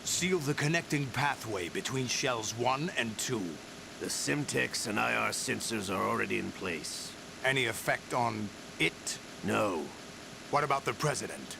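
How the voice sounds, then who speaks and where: An older villain commander from a video game, his voice heavy with gravel and fry. He speaks deliberately and with cool condescension, like someone used to giving orders. A clear hiss runs through the recording. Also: medium pitch, animated. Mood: businesslike. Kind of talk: dramatic video game acting.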